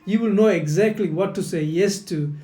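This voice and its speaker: A leadership coach whose first language is not English delivers an earnest motivational lesson, addressing the listener directly and repeating himself a lot. His voice is high and his pace moderate, recorded in an echoey room with soft guitar music playing.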